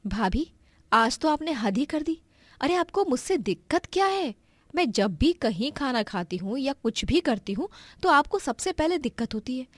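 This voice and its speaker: A woman voicing a defiant young unmarried sister-in-law in a cartoon story, with a shrill and indignant manner. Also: very animated, normal speed, dry recording.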